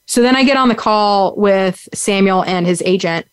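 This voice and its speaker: A young adult woman, sitting on the ground, hosts a podcast in a clear, resonant, medium-pitched voice at a moderate pace, without echo. She rambles happily through a casual recap, saying "like" and "um" a lot.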